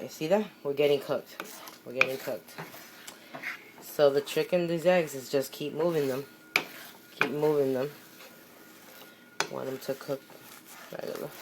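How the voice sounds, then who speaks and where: A woman giving a casual, chatty cooking demonstration at the stove, encouraging and often repeating short phrases as she works. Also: low voice. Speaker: home cook hosting a cooking video. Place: home kitchen at the stove. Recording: noisy kitchen with sizzling and pan clatter. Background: sizzling, stirring, clinking pans.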